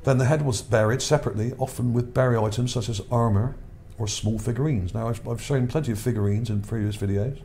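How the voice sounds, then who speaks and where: Quick and with hardly any pauses, a man with a mellow, medium-pitched voice narrates images as he reads his article. The channel host's voice is starting to wear out, and he rambles, repeats words and checks in with "okay?" over slight background noise.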